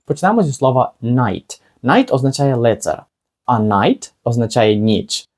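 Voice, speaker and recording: Casting: male teacher, mellow voice, chatty and question-asking, slows down for examples. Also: mid-range voice, big pitch swings. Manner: chatty, asks the viewer rhetorical questions, slows down for example words. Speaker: English teacher. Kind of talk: casual video lesson.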